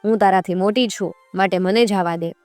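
A woman's voice: medium pitch, steady tone, a little fast, darkish tone, no room sound, soft background music, lightly acted. Field: a woman voicing Lakshmi, boastful wealth goddess. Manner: boastful, stubborn.

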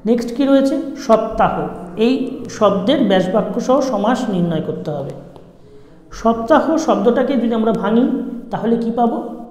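Teacher with a West Bengal accent, dark, mellow tone; measured exam-prep lesson, repeats key points; reverberant room. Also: mid-range voice, animated. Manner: repeats key phrases slowly to stress them; asks questions and then answers them. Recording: roomy with a long reverb tail.

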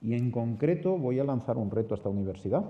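A man with a Spain Spanish accent, talking at a mid pitch. He tells an animated, anecdote-driven story and acts out the dialogue. The sound is slightly dull and lo-fi. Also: fast talker. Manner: animated anecdotal, with laughs and acted-out quotes. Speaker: seminar panelist. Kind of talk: conversational storytelling.

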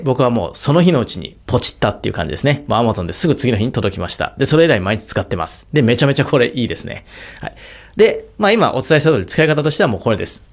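A man from Japan who teaches English on YouTube, reviewing a product in casual talk and sounding out consonants to demonstrate. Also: mid-range voice.

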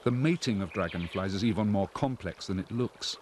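Low-voiced man narrating a nature documentary. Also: darkish tone, slight background noise. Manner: measured, explanatory delivery.

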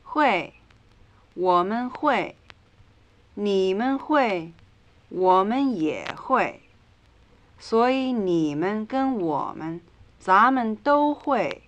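A woman reads her side of a scripted lesson dialogue slowly and deliberately. Her voice is mid-pitched for a woman. The recording is dull and lo-fi, typical of a 1950s record. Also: expressive. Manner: slow, deliberate reading of drill lines.

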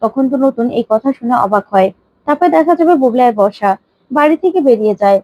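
Woman narrating a story recap, high voice. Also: animated, fast talker, a little mellow, dry recording, low-quality recording.

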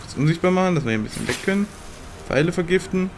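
A young man commentating his gameplay in a slangy, excitable way and talking back to the game characters. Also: high voice, rapid-fire, faint music behind. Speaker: let's play gamer.

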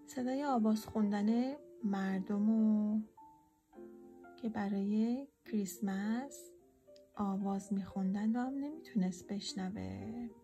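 A woman reading a children's storybook aloud in a gentle, often half-whispered voice. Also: mid-range voice. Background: soft instrumental music.

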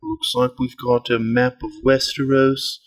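A man putting on a polite, earnest golf commentator, giving measured, deliberate mock sports commentary. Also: mid-range voice, flat delivery, natural voice. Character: mock golf announcer, male, polite, earnest, calling an unboxing.

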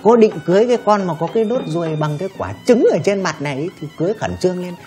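A woman's voice: fairly low pitch, big pitch swings, racing. An actress playing a chatty, meddling middle-aged village mother in a comedy film, gossiping. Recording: loud background music.

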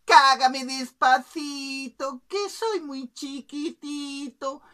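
A woman voicing a tiny bird that pleads in a slow, sing-song way. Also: sits high, fairly even intonation, sharp tone, voice pushed up, full character voice. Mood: pleading.

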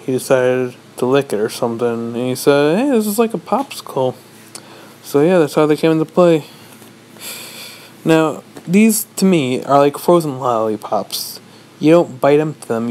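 A young man giving a rambling, deadpan comic monologue, posing as a lecturer. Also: mid-range voice, normal speed, low-quality recording. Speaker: vlogger. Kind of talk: mock-serious comedic monologue.

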